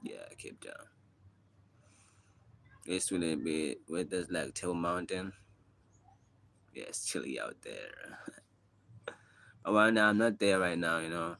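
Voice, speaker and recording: A man's voice: low-pitched, animated, slow, creaky, long pauses, fairly bright tone. A young man from South Africa with a South African accent, chatting loosely on a livestream as a rapper, rambling with many fillers. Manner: rambling, laid-back, frequent "you know" fillers. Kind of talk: casual livestream chat. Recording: faint background noise.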